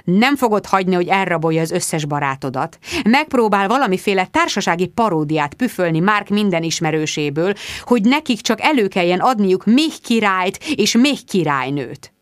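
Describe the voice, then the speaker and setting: Woman putting on a sardonic, blunt friend, low dark mutter, dry close sound. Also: expressive, dry recording, natural voice. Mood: curt.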